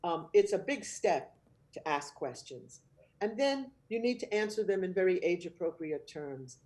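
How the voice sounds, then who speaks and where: A woman giving advice on supporting children in child care, explaining in a calm, earnest way and modeling gentle phrases to say. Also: on the low side, moderate pace. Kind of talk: instructional webcast talk.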